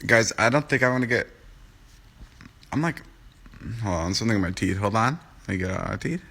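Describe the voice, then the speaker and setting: Low, creaky, slightly rough, with a sharp tone, this man's voice is animated and fairly quick. He's in his twenties, just woke up and is groggy, and he's chatting casually with viewers through a phone livestream app from home, rambling and joking as he answers comments.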